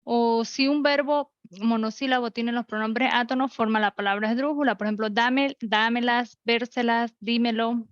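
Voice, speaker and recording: Online teacher, woman, higher voice, slightly dull lo-fi mic, methodical. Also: fairly even intonation, moderate pace, no room sound. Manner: explains rules step by step with examples. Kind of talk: online class lecture. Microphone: computer mic.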